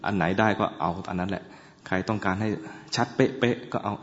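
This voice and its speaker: A man who is a Buddhist monk, giving a dharma talk, chanting in a measured tone and explaining with dry humor. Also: on the low side, fairly even intonation, a bit bright, a little hiss or hum. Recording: dull lo-fi recording in an echoey hall.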